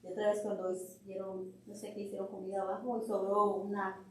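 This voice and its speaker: A woman's voice: mid-range voice, little pitch movement, a little fast. A woman, a church member, telling a casual, chatty anecdote to the group. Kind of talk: sharing an anecdote. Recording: very echoey room, voice from far off, faint background noise.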